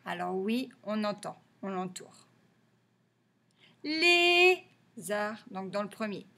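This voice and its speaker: A woman's voice: medium pitch, steady tone, moderate pace, vocal fry. A woman teaching young children to read in French, patiently repeating each word and stressing its sounds. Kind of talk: early reading lesson for young children.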